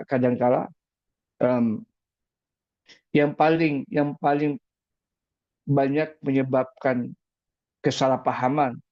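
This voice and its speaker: A man preaching at an evening religious talk, lively, asking the audience questions and repeating his key phrases. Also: mid-range voice, no room sound, highs cut off.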